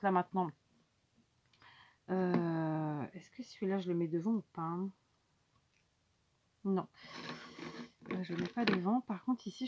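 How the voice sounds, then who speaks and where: Woman doing a craft tutorial, rambly, lots of euh, just talking as she glues stuff. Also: mid-range voice. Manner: chatty, thinking aloud with many fillers.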